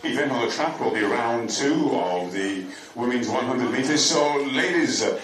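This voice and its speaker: A man making measured, repeated track announcements over a PA system at an outdoor meet. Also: mid-range voice, lively intonation. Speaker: stadium announcer. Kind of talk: public address announcements. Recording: echoey loudspeaker from far off.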